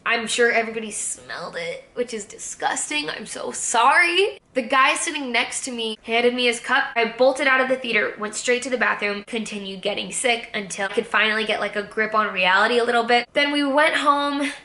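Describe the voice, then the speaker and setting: A woman's voice: a little high, a little fast, hardly any pauses, bright, forceful tone, roomy sound. A woman in her twenties telling a story to camera in a casual vlog, chatty and swearing freely as she laughs her way through it. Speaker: vlogger.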